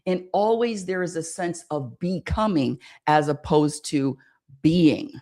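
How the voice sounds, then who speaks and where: Slow and warm, with a deep voice, an American woman gives a spiritual talk monologue on her radio show. She speaks repetitively and searchingly, often inviting listeners to agree.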